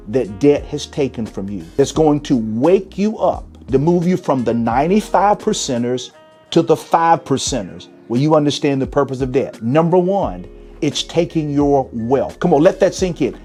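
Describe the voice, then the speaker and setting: A man's voice: a little high, mellow, slightly rough. A man hosting a motivational money talk to camera as a cash flow strategist, emphatic and coaxing as he addresses his viewers. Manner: emphatic and coaxing, often urging "come on".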